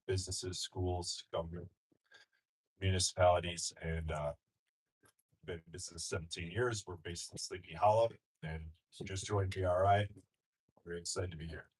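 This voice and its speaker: A man from a solar company introducing his business in a halting way, with many fillers. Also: sits low, steady tone, breathy edge, poor audio. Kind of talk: short self-introduction.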